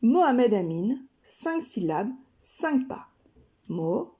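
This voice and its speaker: A woman from France, a kindergarten teacher narrating a scripted lesson, speaking slowly and carefully articulating each syllable. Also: on the high side, very animated, warm tone. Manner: slow, carefully articulated, splitting words into syllables.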